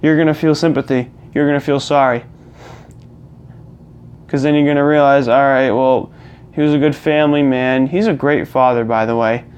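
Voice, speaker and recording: A man's voice: mid-range voice, steady tone, moderate pace, a little mellow, smooth, muffled recording. A young man hosting his own channel, talking through a rambling, casual rant into a personal mic, restarting and repeating himself. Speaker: gaming channel host. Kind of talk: casual ranting monologue.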